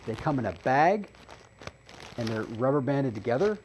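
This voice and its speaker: A man's voice: medium pitch, big pitch swings, normal speed, darkish tone, a little hiss or hum, poor audio. A man hosting a casual review show, explaining test results as he goes with frequent fillers. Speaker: host reviewing face masks.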